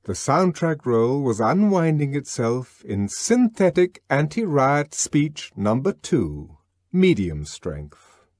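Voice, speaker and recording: A man reading a novel aloud at an unhurried pace, his delivery expressive and emphatic. His pitch moves in a lively way through the sentences, and the recording is dry and close-miked. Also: no room sound. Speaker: audiobook narrator. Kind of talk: dramatic audiobook reading.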